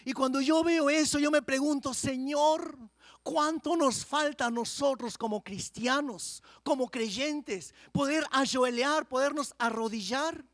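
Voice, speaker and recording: A male pastor preaching a sermon, asking the congregation direct questions and reading scripture slowly and deliberately, with words slipping into his Spanish. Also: extremely high pitch, a bit bright, no echo. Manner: mixes Portuguese words into Spanish.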